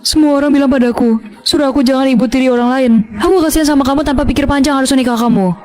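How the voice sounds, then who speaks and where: Brief: two-faced stepmother played by a woman, fake-tearful whine, pitched up high and talking fast. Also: a little mellow, close to an everyday voice. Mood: whining. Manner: whining, feigned tearful. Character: scheming stepmother feigning hurt to her husband.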